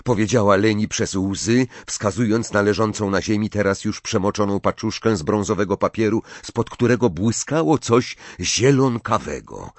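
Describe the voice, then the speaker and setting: A man reading a story aloud as an audiobook narrator, in an expressive, dramatic way. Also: on the low side, moderate pace, few pauses, no echo. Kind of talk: scripted narration.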